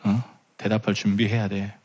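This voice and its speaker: A man's voice: on the low side, little pitch movement, moderate pace, darkish tone, a little hiss or hum. A young man preaching a sermon in a church, impassioned and rising to emphatic pleading. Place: church sanctuary.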